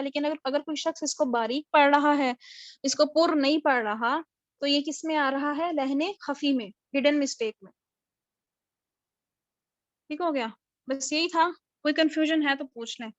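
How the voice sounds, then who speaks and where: A woman's voice: sits high, fairly bright tone, no room sound. A woman teaching a tajweed class over a video call, drilling letter sounds again and again. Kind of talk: online class lecture. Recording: dull lo-fi video call audio.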